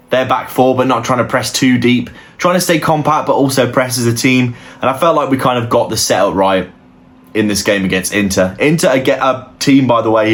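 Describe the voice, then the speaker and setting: A man giving a casual, opinionated match analysis as host of his football channel, often restarting his sentences. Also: mid-range voice. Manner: conversational, opinionated, with frequent restarts.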